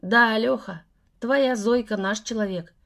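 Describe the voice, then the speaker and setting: A woman's voice: a little high, measured pace, gravelly, a bit bright. A woman reading an audiobook voices a jovial man who speaks heartily and likes to tease. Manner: hearty, joking. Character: jovial man, friend of the family.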